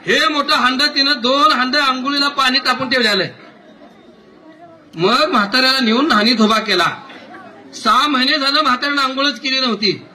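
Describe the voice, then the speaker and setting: A man telling a comic folk tale to a live audience, talking to his listeners directly in a lively way. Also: very high-pitched, moderate pace, far from the mic, some chatter behind, slight background noise. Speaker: storyteller.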